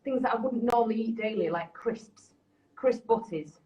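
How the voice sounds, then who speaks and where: A woman's voice: a little high, normal speed, recorded from a distance. A woman, chatting casually as a podcast co-host and telling anecdotes. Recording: muffled sound from off-mic.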